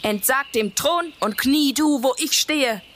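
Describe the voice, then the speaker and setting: A woman's voice: sits high, unhurried, fairly bright tone. A woman playing a proud, defiant captive young prince, haughtily declaiming classical verse. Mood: defiant, accusing. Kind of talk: classical stage verse acting. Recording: faint ambient noise.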